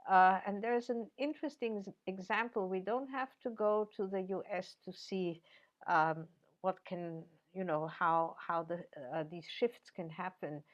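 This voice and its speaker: An older female professor answers interview questions in a measured way, using frequent fillers and restarts. Her voice is medium-pitched, and the audio is dull.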